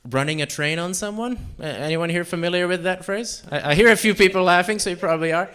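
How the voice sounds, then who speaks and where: Young male stand-up from Central Europe, dry self-mocking delivery, slightly high bright voice. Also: fast talker, clear, resonant tone. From Czech Republic and Slovakia. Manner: deadpan, self-deprecating, with fillers. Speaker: stand-up comedian. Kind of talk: stand-up comedy set. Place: comedy club stage.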